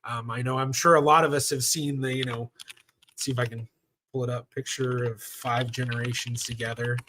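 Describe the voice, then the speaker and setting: Chatty bright-voiced man. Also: medium pitch, little pitch movement, a little fast, slight background noise. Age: 30s. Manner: chatty, rambling, with frequent fillers. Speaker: professional genealogist host. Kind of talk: casual livestream Q&A.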